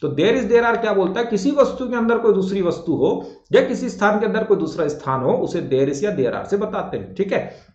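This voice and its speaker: A young man teaching an English class in Hindi, who repeats words slowly to drill pronunciation and speaks casually to his students. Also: sits high, lively intonation, a little mellow. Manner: colloquial, addresses students as bhai and beta. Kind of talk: classroom lesson. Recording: dull, echoey classroom sound.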